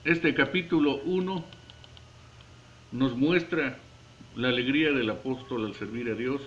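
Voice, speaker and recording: A man earnestly reading a devotional Bible commentary at a measured pace, with occasional stumbles, closing in prayer. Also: medium pitch, dull audio, a little hiss or hum. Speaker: devotional preacher.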